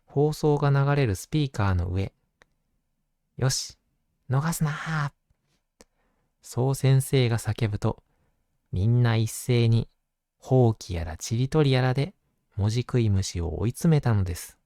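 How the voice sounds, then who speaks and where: A man narrating a children's picture book at bedtime in a gentle storytelling manner, as if soothing a child. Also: medium pitch, animated, normal speed, dry recording, studio quality.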